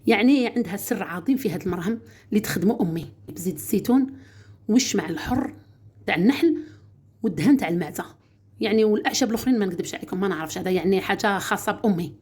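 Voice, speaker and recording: A woman's voice: medium pitch, expressive, racing, darkish tone, husky. A woman with an Algerian Arabic accent, demonstrating a home remedy in a chatty, casual way and often addressing her viewers as sisters.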